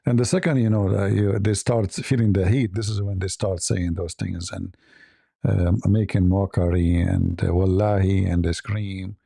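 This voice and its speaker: A man hosting a livestream debate, raspy and mocking, halting with many fillers. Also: deep voice, steady tone, dark tone, no room sound, clean studio sound. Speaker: host.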